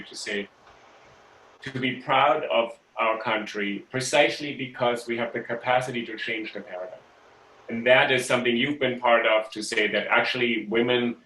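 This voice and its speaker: A man's voice: medium pitch, sharp tone, slight background noise. Man hosting in a roomy, echoey space. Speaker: host. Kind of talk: conversational interview.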